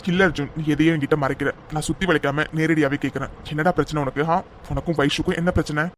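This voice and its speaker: A man acts out a worried young friend in a cartoon love story who questions bluntly and won't let it go. His voice sits a little high, with a faint noise floor behind it. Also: fairly even intonation, quick pace, a bit bright, close to an everyday voice. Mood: pressing. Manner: direct, questioning, pressing. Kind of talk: cartoon drama voice acting.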